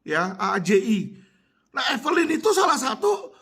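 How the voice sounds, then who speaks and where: Man, fiery accusatory monologue; high, bright, sharp voice. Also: sing-song, moderate pace, slightly rough. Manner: heated, accusatory, mixes English phrases. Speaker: lawyer addressing a minister. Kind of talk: impassioned monologue.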